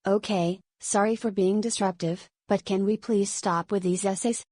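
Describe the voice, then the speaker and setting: A woman's voice: medium pitch, steady tone, moderate pace, darkish tone, no room sound, natural voice. A woman voices a snappy young cartoon student who hates waiting. Her voice sits mid-range and is recorded dry. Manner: impatient, snappy.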